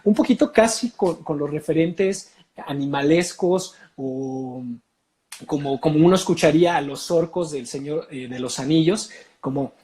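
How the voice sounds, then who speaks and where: A man with a Mexican accent, a voice coach talking in an interview, explaining in an animated way with many filler sounds. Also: on the high side, normal speed. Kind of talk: casual interview talk.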